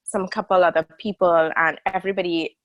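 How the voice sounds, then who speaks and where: A woman's voice: lowish voice, little pitch movement, fairly quick, no room sound, dull audio. Candid thirty-something woman on a video call. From a small island country. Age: 30s. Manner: candid, rambling, with many fillers and restarts. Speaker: interview guest. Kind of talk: casual video-call conversation.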